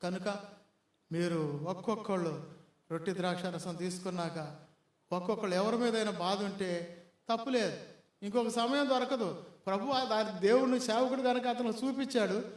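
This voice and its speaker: High-voiced preaching man. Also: normal speed, pauses often, echoey room. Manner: fires rhetorical questions at the congregation. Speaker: pastor. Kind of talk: sermon.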